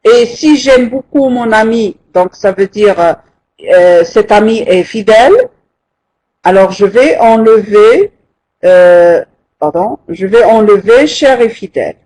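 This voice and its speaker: A language teacher leads a live online class at a very unhurried pace. The delivery is patient and halting, full of hesitations, and the teacher counts syllables out slowly and deliberately. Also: medium pitch, a little mellow. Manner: slow, patient, with frequent hesitations. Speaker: French teacher.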